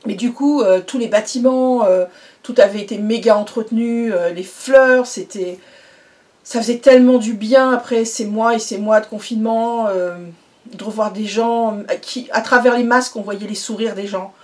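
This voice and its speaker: A woman's voice: a little high, fairly even intonation, normal speed, darkish tone. A woman giving a casual, effusive recap, repeating words for emphasis. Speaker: vlogger.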